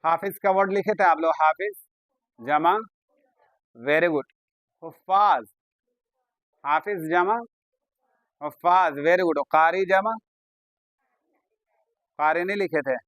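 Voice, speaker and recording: This is a man with an Urdu accent leading a grammar lesson in class. His voice sits high. The sound is dry and close. He repeats key points and stops to put questions to his students. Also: fairly bright tone, no room sound, rough recording. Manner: repetitive, questioning students, drawn-out explaining. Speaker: Urdu teacher.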